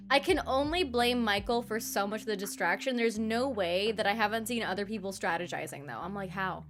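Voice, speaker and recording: A young woman chats with her live audience in a fairly high voice, bouncing between gossip and greetings to viewers and laughing often. Faint music plays underneath her. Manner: animated, laughs often, reads chat aloud. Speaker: streamer chatting with live chat. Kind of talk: casual livestream chat.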